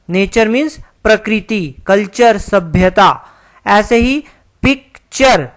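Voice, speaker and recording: A woman teaches an online English lesson at a very slow, deliberate pace. Her voice sits at an ordinary middle pitch. She explains patiently and spells words out letter by letter.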